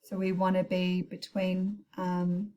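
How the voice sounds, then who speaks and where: A woman's voice: fairly low pitch, completely flat delivery, slow pace, mellow, slight background noise. A woman teaching maths in an informal recorded tutorial, thinking aloud through calculator steps and correcting herself as she goes. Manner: thinks aloud with self-corrections and brief apologies. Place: recorded while heavy rain pours outside.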